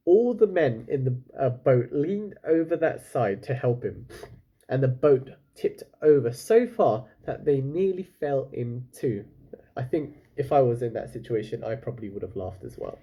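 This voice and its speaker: Reading a children's story with lots of expression, this male storyteller has a mid-range voice that's warm and slightly rough. He pauses here and there to chat casually with whoever is listening.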